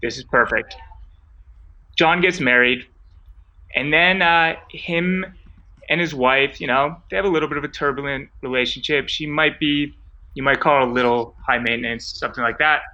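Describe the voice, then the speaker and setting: A man's voice: medium pitch, moderate pace, pushed and bright, muffled recording. A man telling a long personal story at an online open mic night, loose and rambling with lots of fillers. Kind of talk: casual storytelling. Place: home, online video call.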